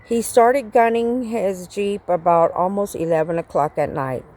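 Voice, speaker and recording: A woman's voice: mid-range voice, unhurried, a little mellow. A middle-aged woman telling a story casually to her viewers, rambling and swearing, with many fillers. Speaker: vlogger.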